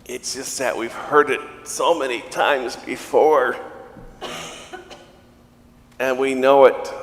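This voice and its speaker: Priest reading the gospel at mass, unhurried, big cathedral echo all around him. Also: male voice, mid-range voice, fairly bright tone. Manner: slow, measured liturgical delivery. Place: large church. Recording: long church reverb, cathedral echo.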